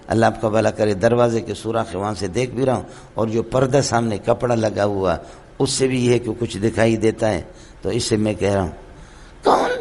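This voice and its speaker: Hoarse man teaching Quran commentary. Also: lowish voice, darkish tone. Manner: storytelling, often checks listeners with "understood?". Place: madrasa lecture hall.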